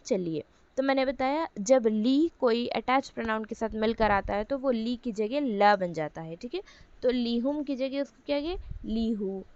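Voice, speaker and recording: A woman teaching Arabic grammar in an online Quran lesson, explaining step by step, asking and answering her own questions, and reciting Arabic phrases slowly. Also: a little high, a little mellow, lo-fi sound. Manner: repeats "ठीक है" as a check-in.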